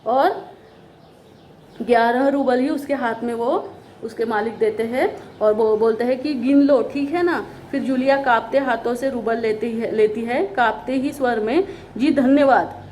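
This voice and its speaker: A woman's voice: on the high side, fairly even intonation, moderate pace, a little mellow, a little hiss or hum. A woman teacher explaining a story in an online class, repeating lines and glossing words as she goes.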